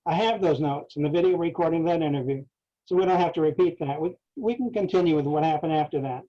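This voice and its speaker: A man's voice: a little high, quick pace, close to an everyday voice. A man reading the lines of a patient interviewer who reassures an older man. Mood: explaining. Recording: dull lo-fi recording.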